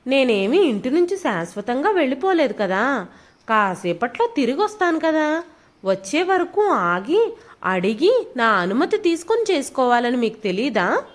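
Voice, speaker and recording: This is a domineering young daughter-in-law from an audio storybook, loud and scolding, as a woman narrator puts her on. Her high voice leaps up and down as she berates. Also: sing-song, a little slow. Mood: angry scolding. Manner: shouting, scolding.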